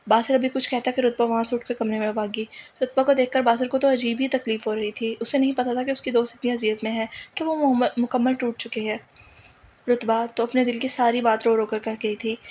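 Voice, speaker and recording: A woman narrating a romance novel with a steady, even reading. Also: fairly high pitch, fairly quick, a little hiss or hum. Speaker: novel reader.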